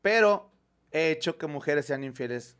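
A young Mexican man with a Mexican accent, casually telling an animated personal story on a podcast, full of slang and swearing. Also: fairly high pitch, moderate pace, clear, resonant tone. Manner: animated storyteller, heavy slang and swearing, says 'güey' constantly. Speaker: podcast co-host.

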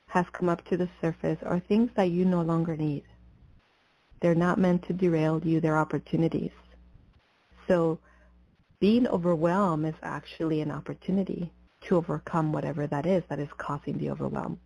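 A woman guiding a breathing meditation as a spiritual coach, in a soothing mystical healer manner with deliberate pauses. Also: fairly low pitch, gravelly, dark tone, dry recording. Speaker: podcast host and spiritual coach. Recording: slightly dull, muffled lo-fi audio.

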